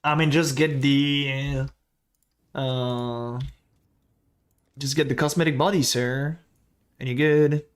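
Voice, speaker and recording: A man with a French accent talks casually while he streams a game. He thinks out loud, mutters half to himself and breaks off to answer his chat. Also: medium pitch, steady tone, slow pace, pauses often.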